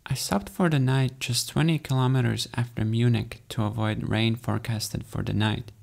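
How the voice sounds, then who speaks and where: A young man from Latvia, giving calm, matter-of-fact voice-over narration of his own journey. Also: mid-range voice, moderate pace, vocal fry. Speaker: cyclist recounting a race. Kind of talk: scripted narration.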